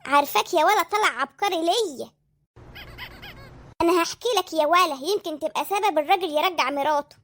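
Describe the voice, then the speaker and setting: A woman voicing a gossipy, sharp-tongued mother in an Egyptian cartoon, with an Egyptian Arabic accent. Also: extremely high pitch, quick pace, soft background music.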